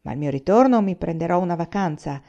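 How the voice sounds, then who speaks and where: A proud, ambitious general speaks curtly and haughtily in a storybook reading, voiced by a woman. The tone is mellow and warm, and the recording sounds a little dull. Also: fairly high pitch, animated, fast. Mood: brisk. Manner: haughty, curt. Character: arrogant ambitious Japanese general, grown man.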